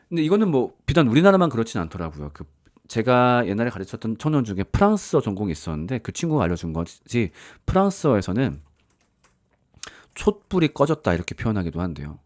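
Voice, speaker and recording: A man's voice: medium pitch, huge pitch swings, a little fast, darkish tone, no echo, studio quality. A man preaching a sermon in a conversational storytelling way, acting out the voices in the stories he tells. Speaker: pastor.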